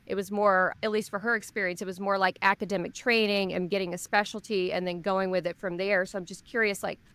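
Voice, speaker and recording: An enthusiastic woman hosts a podcast interview, chatty and warm in manner. Her voice sits at a medium pitch and sounds dry and close, with no room echo. She asks long, rambling questions. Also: flat delivery, quick pace, clean tone. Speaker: podcast host. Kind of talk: casual interview chat.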